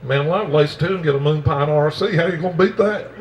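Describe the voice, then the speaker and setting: A man's voice: a little high, fairly quick, recorded from a distance, poor audio. Chuckling man telling folksy stories. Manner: chuckling, drawling, acts out the voices in his stories. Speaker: storyteller. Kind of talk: folksy storytelling. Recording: voice from off mic, faint room noise.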